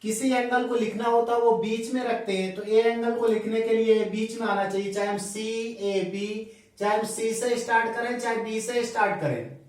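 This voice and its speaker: A man teaching a maths class at the board, dictating each step slowly and spelling out angle letters, mixing in English terms. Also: high voice, fairly even intonation. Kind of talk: blackboard lesson, dictating steps slowly. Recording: echoey room, voice from a distant mic.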